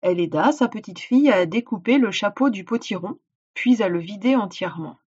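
Woman, teacher, read-aloud storytelling, clear explanations to a child, husky voice, dull lo-fi recording. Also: medium pitch, animated, a little fast, a little mellow. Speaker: teacher reading a tale.

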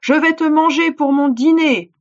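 A woman's voice: on the high side, animated, moderate pace, slightly rough. A woman voicing a terrible, hungry male djinn who roars his threats and orders, in a dull lo-fi recording. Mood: menacing. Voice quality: loud, roaring delivery.

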